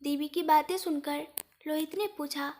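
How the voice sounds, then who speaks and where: A woman's voice: sits high, steady tone, moderate pace, darkish tone. A woman narrating a romantic drama story, reading every character in the same plain voice. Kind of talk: scripted narration.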